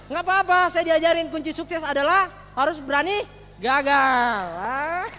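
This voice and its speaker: A man giving a motivational testimony to a seminar audience, telling his story in an animated way, full of exclamations and direct address. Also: very high-pitched, moderate pace. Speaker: network marketing member giving a testimony. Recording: reverberant hall with faint background noise.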